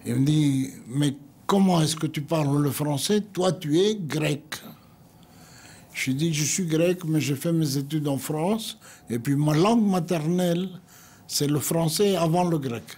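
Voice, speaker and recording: An older Greek man with a fairly high, slightly rough and a little mellow voice shares his memories in a studio interview. He tells his stories unhurriedly, acting out what other people said as if quoting them.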